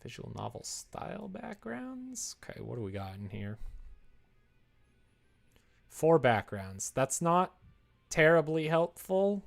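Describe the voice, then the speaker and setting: Muttering to himself as he browses, a livestreamer working on a visual novel tosses in playful little asides and sound effects. He has a gravelly, mid-range voice, and the stream has a casual, think-aloud feel.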